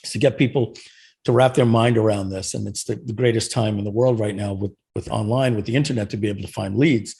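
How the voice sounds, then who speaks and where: Gravelly man explaining sales earnestly. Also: fairly low pitch, fairly even intonation, quick pace, darkish tone. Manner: earnest explaining, many restarts and fillers. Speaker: podcast guest, marketer. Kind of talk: casual podcast chat.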